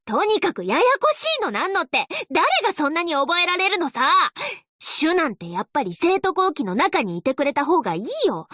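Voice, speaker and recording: A woman voices a perky, teasing young angel courier girl in a Japanese anime game, delivering lines expressively but sounding exasperated. Her voice sits high, recorded at studio quality with no echo.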